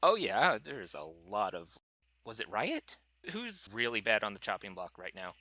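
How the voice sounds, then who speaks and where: Bright-voiced low man chatting casually. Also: wildly swooping pitch, moderate pace. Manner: rambling, self-correcting gamer talk. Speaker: podcast co-host. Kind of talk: casual chat.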